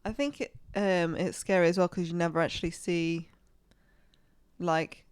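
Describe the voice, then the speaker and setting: A young woman co-hosting a casual podcast, soft-spoken and trailing off, often giggling. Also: lowish voice, steady tone, normal speed, smooth, no room sound. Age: young adult. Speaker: podcast co-host. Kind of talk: casual chat.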